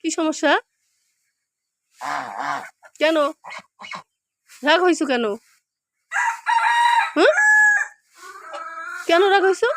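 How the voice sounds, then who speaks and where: High-voiced woman coaxing a hen. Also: slow, pauses often. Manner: gentle, repetitive questioning. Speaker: poultry keeper. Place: farmyard outdoors with chickens. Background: clucking chickens.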